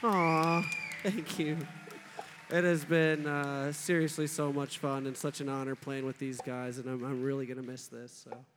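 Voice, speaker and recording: A man's voice: mid-range voice, little pitch movement, measured pace. Band's banjo player, a man thanking the audience at a cave gig; voice off-mic with long cave echo, music underneath. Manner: heartfelt, grateful farewell thanks. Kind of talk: live stage banter between songs. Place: live concert in an underground cave. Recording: echoey cave, voice far from the mic, music behind.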